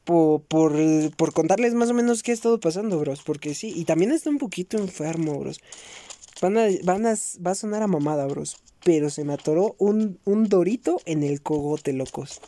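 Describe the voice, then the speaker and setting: A young man with a Mexican accent, chatting casually with his viewers while he plays, slangy and swearing, with sudden loud outbursts at the game. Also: high voice, animated, normal speed. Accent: Mexican Spanish. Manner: slangy and swearing, keeps saying bros. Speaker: gaming YouTuber. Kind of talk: casual gameplay commentary vlog.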